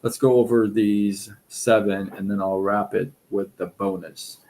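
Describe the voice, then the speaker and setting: A middle-aged Iranian man with a Persian accent hosts a casual live stream of advice talk, relaxed and rambling, full of fillers and restarts. He has a lowish voice and a measured pace.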